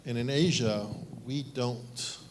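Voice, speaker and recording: A man's voice: mid-range voice, takes it slowly, noisy background. A middle-aged man from Taiwan speaking on a panel at a fireside chat, candid and self-deprecating, with frequent restarts.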